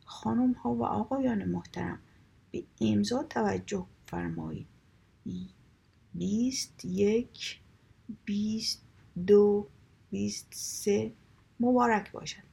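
A woman puts on a brash male auctioneer for a read-aloud story. He hawks junk in loud, formal patter and stretches out each count to close the sale. The voice is dark, gravelly and very breathy. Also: mid-range voice, steady tone, long pauses, exaggerated voice. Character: brisk male auctioneer, pushy and showy.

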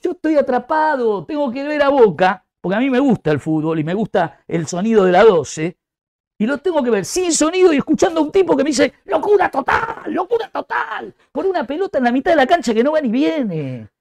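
A man with an Argentine Rioplatense accent ranting comically as an excitable, exaggerated football fan. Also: extremely high pitch, brisk. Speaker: comic talk show host. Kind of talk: comic rant.

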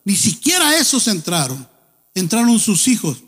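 Brief: middle-aged male pastor, very high voice for a man, animated joking sermon, long church hall reverb. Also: normal speed, slightly rough. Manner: animated, joking, exhorting the congregation.

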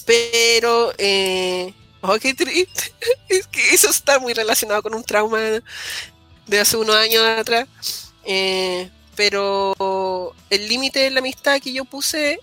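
A woman's voice: fairly high pitch, slow, pushed and bright, soft background music. A young woman with a Chilean accent, co-hosting a podcast in casual chat, rambling through restarts and local slang. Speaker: podcast co-host.

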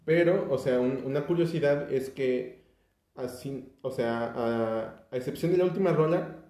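A young man with a Mexican accent explains an album in a relaxed, halting way. His voice is dark and mellow. The room around him is echoey. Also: medium pitch. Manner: relaxed, hesitant, many fillers and restarts. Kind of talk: casual podcast chat about music.

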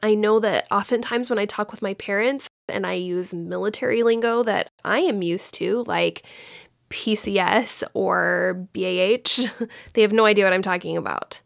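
Gravelly-voiced woman explaining communication. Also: mid-range voice, moderate pace, no echo, clean studio sound. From Dallas-Fort Worth area, Texas. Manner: conversational, explaining with personal stories. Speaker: speaker on communication. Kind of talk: informal talk.

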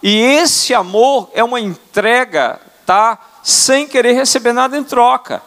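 Older male apostle, high-pitched, earnest sermon delivery, church hall reverb. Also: a little slow, fairly bright tone. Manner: earnest preaching, tag questions. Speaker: apostle preaching. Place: church sanctuary.

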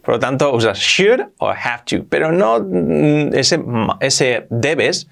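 A man from Spain with a Spanish accent, teaching English grammar to camera, repeating words and jumping up in pitch for emphasis. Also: very animated, slow, vocal fry, fairly bright tone.

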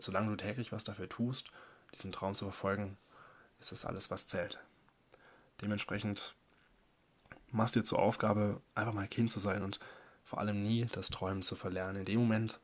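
Male podcast host, slightly low and breathy voice, earnest motivational monologue addressed to the listener. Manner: earnest, coaching, speaks directly to the listener.

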